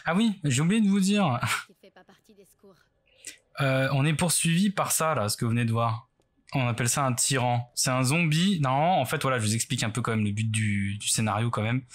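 A man's voice: medium pitch, fairly quick. A man doing casual let's play commentary as a horror game streamer, rambling nervously and self-mockingly as he talks to himself. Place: bedroom at home, indoors.

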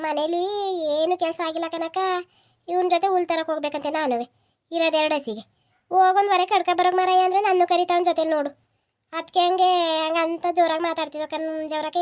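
A woman voicing a high-pitched scolding village housewife. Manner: scolding, complaining sing-song. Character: nagging village housewife, busy and sharp-tongued. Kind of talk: comedy cartoon dubbing.

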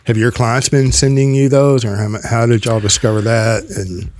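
An older man hosting a casual podcast conversation, telling stories in a rambling way and clearing his throat often, at a boom mic in a small office studio. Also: flat delivery, normal speed, darkish tone, no room sound. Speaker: podcast host. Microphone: desk podcast mic on boom arm.

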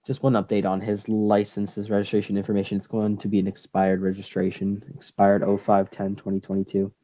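A man's voice: on the low side, monotone, fairly quick, warm tone. A man playing a police dispatcher over the radio, clipped and procedural, using radio codes. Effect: heard over police radio. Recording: muffled radio with faint hiss.

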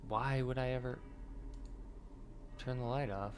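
A man's voice: mid-range voice, fairly even intonation, measured pace, slight background noise. A man doing casual horror game commentary, muttering asides to himself and to the game and swearing now and then.

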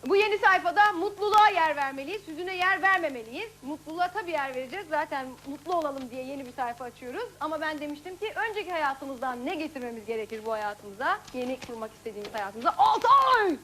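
A woman's voice: high voice, quick pace, hardly any pauses, fairly bright tone, slight background noise. A woman hosting a casual live TV show, chatting, laughing and reading out viewer faxes. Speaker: TV show host.

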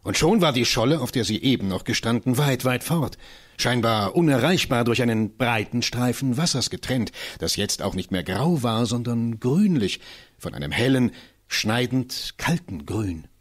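Expressive husky male reader. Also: mid-range voice, moderate pace. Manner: expressive, dramatic storytelling. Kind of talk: scenic literary reading.

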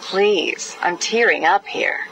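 A woman playing a defiant, sharp-tongued female cat burglar under interrogation, heard as a recording played back from an interview cassette tape. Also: medium pitch, slow, soft background music, low-quality recording. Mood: sarcastic. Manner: sarcastic, dismissive, defiant. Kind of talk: video game voice acting.

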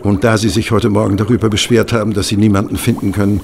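A man's voice: lowish voice, flat delivery, fast, creaky, slight background noise. A man acting in a German audio drama, playing an affable, dryly witty doctor with a conversational manner. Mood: businesslike, friendly.

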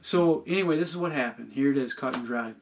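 A middle-aged man telling a personal testimony on a podcast, earnest and halting, often restarting and repeating words. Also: medium pitch, gravelly, slight background noise.

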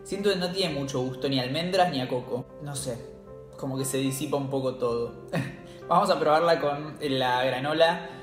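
A man's voice: mid-range voice, normal speed, reverberant, faint music behind. A man with an Argentine accent hosting a casual tasting vlog, chatty and slangy, laughing often. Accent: Argentine Spanish. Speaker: cooking channel host.

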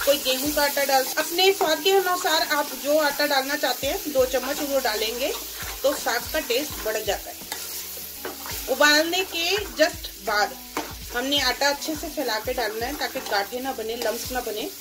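A woman's voice: high-pitched, moderate pace. A woman chatting casually at home as she explains a cooking recipe step by step. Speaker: cooking vlogger. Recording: music playing behind.

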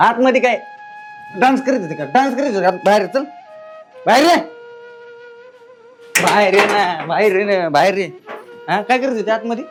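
A man's voice: high voice, moderate pace, pauses often, music in the background, close to an everyday voice. A man playing a bullying drunk son. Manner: harsh, repetitive, bullying. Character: drunk adult son, bullying, demanding money. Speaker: actor. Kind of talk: short-film acting.

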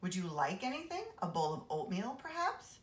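Brief: woman reader as smarmy rich kid, fake-polite, lively. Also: mid-range voice, normal speed, voice pushed up, close to an everyday voice. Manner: oily, falsely polite. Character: smarmy, sucking-up rich schoolboy. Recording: roomy echo.

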